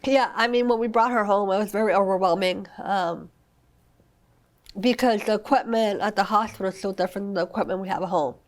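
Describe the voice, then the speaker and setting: A young woman at medium pitch, talking a little fast, is a guest on a podcast interview. As the mother of a child with a rare condition, she speaks earnestly with lots of "I mean" and "you know." Her occasional cough comes from an illness she's still recovering from.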